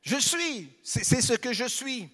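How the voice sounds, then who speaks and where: Unhurried and sharp-toned, this man speaks in an extremely high voice with big pitch swings. He's a Québécois-accented pastor from Beauce, Quebec, preaching a jokey, conversational sermon in a church hall and questioning the congregation. The hall gives a long reverb.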